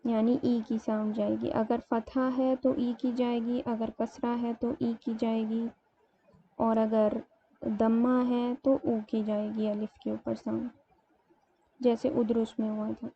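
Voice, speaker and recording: A woman teaching a grammar lesson, explaining each step and slowing down to spell out example words. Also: on the high side, level tone. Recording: dull lo-fi sound, faint room noise.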